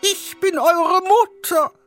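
A man voicing a mother goat in a fairy tale, in a high, slow, drawn-out falsetto. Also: a bit bright, faint music behind, exaggerated voice. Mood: coaxing. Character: mother goat, also wolf faking her voice. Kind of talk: storybook narration.

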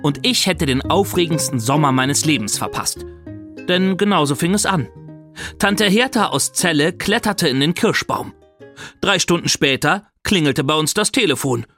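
A man reading a children's story aloud as a young boy's first-person narration, animated and playful. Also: fairly high pitch, dry recording, studio quality. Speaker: audiobook reader.

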